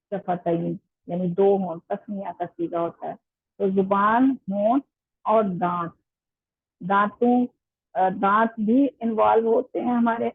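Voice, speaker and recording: Husky-voiced woman teaching over a tinny line. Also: mid-range voice, no echo. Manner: patient explaining with many pauses and fillers. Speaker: Quran recitation teacher. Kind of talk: online tajweed lesson.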